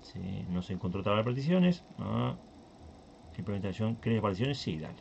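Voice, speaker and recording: Low-voiced Uruguayan man. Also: expressive, moderate pace, vocal fry, a little mellow, lo-fi sound, slight background noise. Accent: Uruguayan Spanish. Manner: thinking aloud with many fillers and restarts. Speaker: tech channel host. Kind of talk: casual screen-recording walkthrough.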